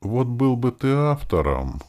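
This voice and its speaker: A man's voice: mid-range voice, sing-song, a little slow, darkish tone, voice pushed up. A man voicing an offended young female elf author who is plaintive and indignant.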